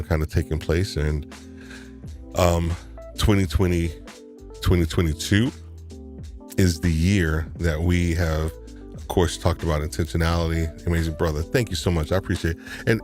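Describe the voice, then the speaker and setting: Deep-voiced New man, rambling host. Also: a little mellow. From New York. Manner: rambling, with frequent restarts and repeated words. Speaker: live stream host. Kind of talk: casual live stream chat.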